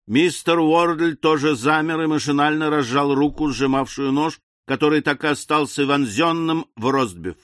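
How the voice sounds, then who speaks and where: A man's voice: medium pitch, no room sound, clean studio sound. Man narrating a classic comic novel. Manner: measured, expressive reading. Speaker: audiobook narrator. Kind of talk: literary audiobook narration.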